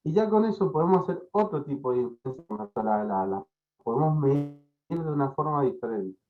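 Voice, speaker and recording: A man's voice: a little high, lively intonation, normal speed, faint music behind. Male lecturer on a video call with bad, cutting-out internet; tinny, hesitant, full of fillers. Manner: hesitant, many fillers and repeated words. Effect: choppy, breaking-up internet connection. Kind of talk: online lecture. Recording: tinny, choppy online call audio.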